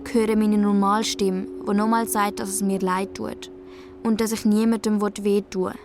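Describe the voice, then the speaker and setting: A woman's voice: medium pitch, level tone, normal speed, background noise, natural voice. A young woman playing a lonely Swiss schoolgirl. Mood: sad. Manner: quiet, inward first-person telling. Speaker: narrator and main character. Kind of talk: radio play narration.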